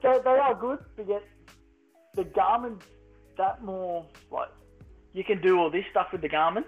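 A man's voice: high-pitched, normal speed, narrow, tinny audio, faint music behind. An Australian man chatting casually in a blokey, laid-back tradesman manner. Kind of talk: casual chat.

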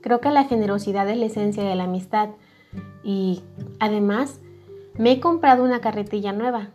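A woman's voice: mid-range voice, normal speed, a little mellow, dull audio, soft background music, close to an everyday voice. A woman voicing a self-satisfied, preachy middle-aged miller who lectures in a storybook reading. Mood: smug. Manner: smug, lecturing.

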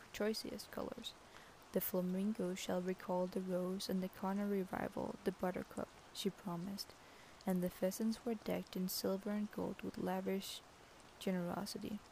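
A woman's voice: mid-range voice, gravelly, mellow, a little hiss or hum, poor audio. A woman casually reading a fairy tale aloud, stumbling now and then over the words and stopping to joke about the text. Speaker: storybook reader.

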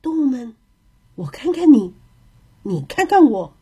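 A woman storyteller reading a children's tale aloud with a high, lively voice that rises and falls a lot. She takes her time over every phrase, with a soft, breathy tone. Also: a little slow. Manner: gentle, expressive read-aloud.

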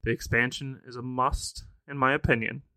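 A man's voice: medium pitch, flat delivery, normal speed, sharp tone, dry recording. A man co-hosting a board game podcast, giving enthusiastic, opinionated takes in casual chat.

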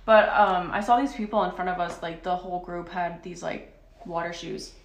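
A woman from Florida co-hosting a podcast in casual chat, talking loosely with many "like"s and quick giggles, her voice echoing around a room at home. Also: fairly low pitch, fairly even intonation. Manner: chatty, giggly, lots of "like". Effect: echoey room sound. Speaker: podcast co-host. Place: dark house, kitchen or dining room.

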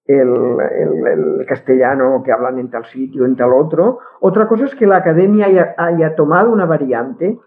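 Heard over a tinny, phone-like line, a guest linguist talks casually in a low voice at a moderate pace, barely pausing. She is a native Catalan speaker with a Catalan accent, firm and opinionated, and frequently restarts her words.

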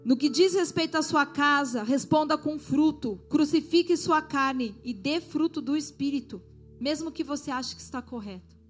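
Woman pastor preaching, high voice, calls out to the church, soft music under it. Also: normal speed. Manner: exhorting, asks the congregation to respond. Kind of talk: sermon.

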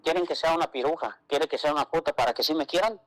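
A man's voice: on the high side, quick pace, fairly bright tone, poor audio. A man co-hosting a radio show, telling a story in a casual chatty way and quoting others. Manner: storytelling, quotes others, calls co-host "güerita". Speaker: radio co-host.

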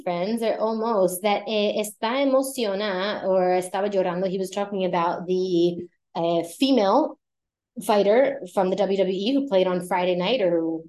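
A woman's voice: medium pitch, warm tone. A woman with a Puerto Rican Spanish accent teaching Spanish in a casual podcast lesson, explaining phrases and stretching words out for emphasis.

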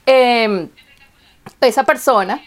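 A Venezuelan woman with a very high voice hosts a podcast, chatting casually. She tells stories with lively energy and acts out the lines she quotes. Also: slow. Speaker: podcast host. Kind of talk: casual chat, storytelling.

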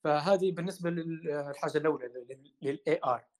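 Man, Libyan accent, podcast guest, quick delivery, slightly high voice, patient explainer. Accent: Libyan Arabic. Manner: explains technology step by step with examples. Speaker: guest expert. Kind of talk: casual podcast conversation.

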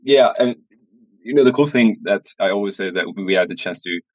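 A man's voice: fairly low pitch, a little mellow, no room sound, low-quality recording. A man being interviewed as a studio founder, talking with frequent fillers and repeated words. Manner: halting, many uh fillers and repeats. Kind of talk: interview answers.

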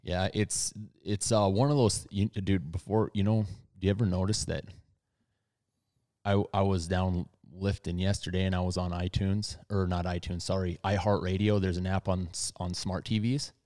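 Host, male, 30s, very deep voice, relaxed rambling chat. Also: normal speed. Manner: laid-back, rambling, self-mocking. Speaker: podcast host. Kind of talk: casual chat.

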